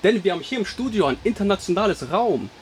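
A man's voice: high voice, big pitch swings, fast talker, a little hiss or hum. A young man from Germany hosting a radio show, presenting in an upbeat, scripted announcer manner.

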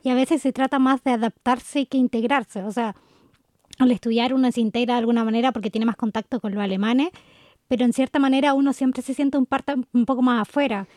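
A young adult Chilean woman co-hosting a casual conversation, chatty and quick to laugh. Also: a little high, steady tone, darkish tone, no room sound, clean studio sound. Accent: Chilean Spanish. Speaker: co-host.

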